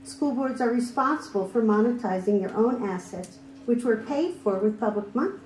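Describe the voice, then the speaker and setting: A former school district director, a woman with a slightly high, darkish voice, reads prepared public testimony at a moderate pace in a hearing room. She speaks firmly and asks pointed questions. The room is echoey, with faint background noise.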